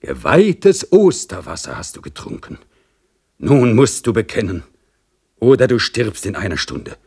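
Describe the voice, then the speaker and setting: A man's voice: on the low side, wildly swooping pitch, unhurried, creaky, a little mellow, slightly rough, pitched above the performer's own voice, full character voice. A man voicing a stern, sanctimonious male priest who presses a prisoner in an urgent, preaching manner. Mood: insistent.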